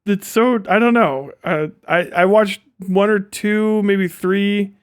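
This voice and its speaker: Slow and clear, a man with a high, resonant voice hosts a livestream where he reacts to videos. His commentary is casual and unscripted, full of rambling and frequent swearing.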